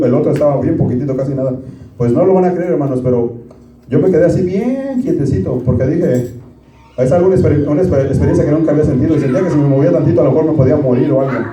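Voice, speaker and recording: A man's voice: mid-range voice, dark tone, slight background noise. A pastor, preaching a conversational sermon and often calling his listeners brothers. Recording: roomy, distant from the mic.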